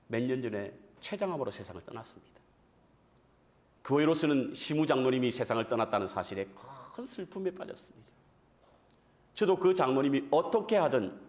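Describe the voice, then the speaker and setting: Male guest preacher, revival sermon, lively pitch, conversational, questions to the congregation. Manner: animated, addresses the congregation with frequent questions; conversational, self-deprecating asides.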